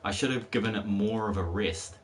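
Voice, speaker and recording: Streaming a game, a man in his forties keeps up a casual, rambling chat at a fairly quick clip, laughing easily. His voice is fairly low and still a bit worn from a cold, and a little hiss or hum can be heard.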